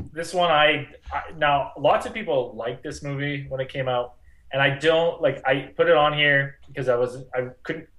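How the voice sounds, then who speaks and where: A man co-hosting a casual podcast, talking in an animated way, swearing freely, and jumping into high put-on voices to act out scenes. His voice sits at a middle pitch. The sound is roomy, with a clear echo. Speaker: podcast co-host. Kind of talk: casual chat.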